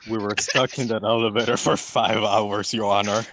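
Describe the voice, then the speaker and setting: A man's voice: on the low side, steady tone, moderate pace, a bit bright. A man voicing a composed young male attorney, reading his story plainly in a fan reading over a game. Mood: recounting. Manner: plain reading, breaks into laughs. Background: game music.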